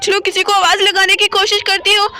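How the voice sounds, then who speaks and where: Lady putting on a worried sick mom, panicky and fretting, high bright voice, doll story. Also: level tone, fairly quick. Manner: anxious fretting, keeps asking what to do. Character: sick, tied-up mother, fretful and panicky.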